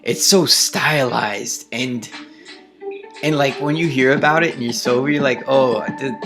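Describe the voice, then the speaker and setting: A man's voice: mid-range voice, unhurried, over music. Rambling young man telling a wild story. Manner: excited, rambling, swears freely, voice jumps up when quoting himself. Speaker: vlogger recounting a trip. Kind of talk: casual storytelling to camera. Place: his home, indoors.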